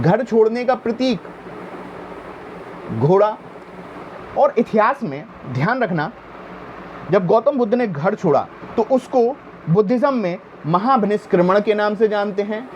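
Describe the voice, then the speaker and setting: A man's voice: high voice, a little mellow. A male teacher giving an exam-prep history lecture. He keeps asking the class questions, answers them himself, and often tells listeners to pay attention. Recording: dull lo-fi sound with faint background noise.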